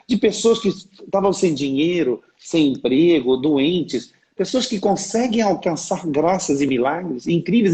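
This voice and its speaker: Earnest Brazilian man with a high voice. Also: dark tone, poor audio. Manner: earnest storytelling, often asks "né?". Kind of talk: preaching on a livestream. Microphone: livestream setup.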